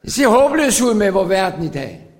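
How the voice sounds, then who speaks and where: A man preaching a sermon. He repeats his phrases and pauses with fillers, then builds to loud, drawn-out emphasis. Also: sits high, sing-song. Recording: long hall reverb.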